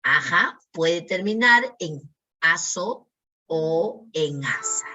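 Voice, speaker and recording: Slow, bright-voiced woman teacher. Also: fairly low pitch, animated, lo-fi sound. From Peru. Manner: slow, patient, checking in with "¿sí?". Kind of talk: spelling lesson to a class.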